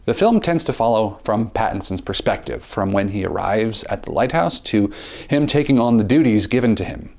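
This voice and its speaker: A man's voice: animated, darkish tone. A man delivering a scripted film review in a theatrical way, often repeating a word as he starts a phrase. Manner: theatrical, with dramatic pitch swings and slowed emphasis.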